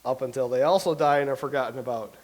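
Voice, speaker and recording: This time the vain, nervous playwright in the staged comedy reading is voiced at medium pitch, with fairly even intonation and only light acting. The actor talks fast, rambling anxiously and full of self-pity.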